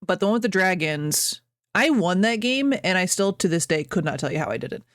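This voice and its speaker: A woman's voice: fairly low pitch, lively intonation, a little fast, no room sound, studio quality. A young adult woman streamer chatting casually at home, rambling, reading chat aloud and laughing often. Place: at home, birds outside.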